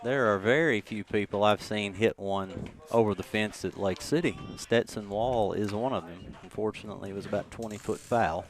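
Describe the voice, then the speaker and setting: Low-voiced male baseball color commentator. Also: normal speed, hardly any pauses, a little hiss or hum. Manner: chatty, offers opinions on the ballpark.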